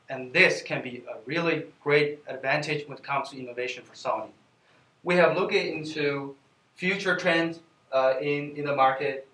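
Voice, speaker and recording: Bright-voiced man. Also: fairly high pitch. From China. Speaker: student presenter. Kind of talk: team business presentation. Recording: roomy, distant mic.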